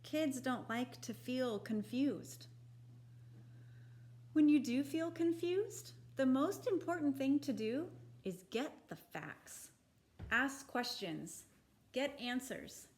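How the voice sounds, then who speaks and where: A high female voice reads a children's picture book aloud, aimed at young listeners. The reading is careful, expressive, and meant to teach.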